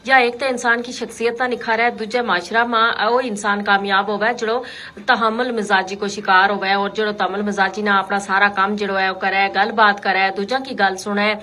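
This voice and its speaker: A woman hosting a radio call-in show offers unscripted talk radio commentary, explaining things to listeners conversationally. Her mid-range voice is bright and forceful, delivered flatly at normal speed.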